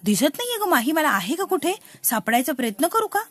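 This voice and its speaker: A woman's voice: high-pitched, sing-song, brisk, fairly bright tone, dry recording, pitched above the performer's own voice. A woman voicing a haughty, spiteful rich woman who mocks and threatens. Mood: taunting. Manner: mocking, taunting.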